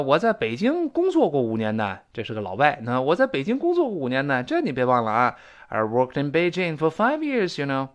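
Lively man teaching English phrases. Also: fairly high pitch. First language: Chinese. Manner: animated, repeats phrases for drill. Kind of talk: spoken English lesson.

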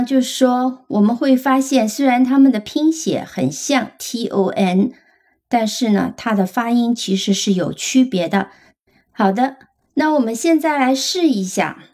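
A woman's voice: fairly high pitch, mellow. A woman teaching English vocabulary on the radio, patiently explaining and spelling words out letter by letter.

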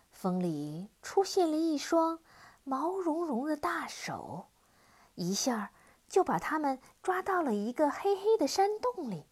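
Woman storyteller, children's story narration, lively pitch, slow pace, dramatic, expressive. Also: breathy edge. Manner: expressive, dramatic, sometimes whispery.

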